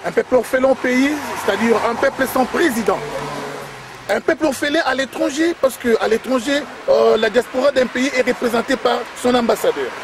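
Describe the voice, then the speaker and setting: A man with a high voice conducts an outdoor interview, asking pointed rhetorical questions in a pressing tone. Traffic and street sounds come through clearly behind him. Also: fairly quick.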